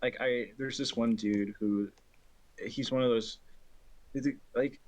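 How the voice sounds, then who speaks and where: A man's voice: medium pitch, steady tone, measured pace, a little mellow. A man streaming a speedrun, chatting loosely with friends and swearing a lot as he muses. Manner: loose, profane, musing. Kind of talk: casual chat.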